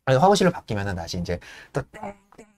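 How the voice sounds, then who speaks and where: A man retelling a play in animated storytelling style, laughing often. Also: mid-range voice, fast talker. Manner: laughs often, lively, acts out characters. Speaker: podcast host retelling a play.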